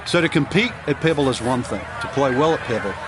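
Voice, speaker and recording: A man's voice: medium pitch, expressive, fast talker, very noisy, natural voice. A man giving golf commentary as the analyst, explaining things in a reflective, conversational way.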